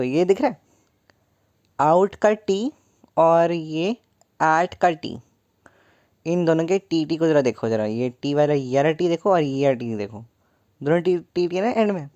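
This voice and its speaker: A young woman teacher runs an online class in a playful, joking way and keeps calling her students 'beta'. Her voice sits a little low, and she takes her time over each word. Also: expressive, unhurried, long pauses, a little mellow, muffled recording. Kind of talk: online lesson.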